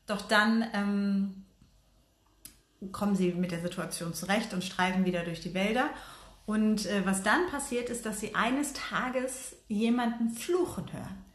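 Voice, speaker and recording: A woman's voice: mid-range voice, a little slow. Hesitant woman retelling a fairy tale. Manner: hesitant, many fillers and self-corrections. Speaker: storyteller. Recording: roomy echo.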